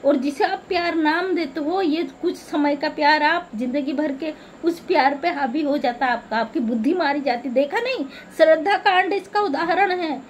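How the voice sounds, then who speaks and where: A middle-aged woman vlogger makes an earnest, preachy appeal directly to her viewers, alternating between pleading and scolding. Her voice sits high and moves at a normal speed with few pauses, over a little hiss or hum.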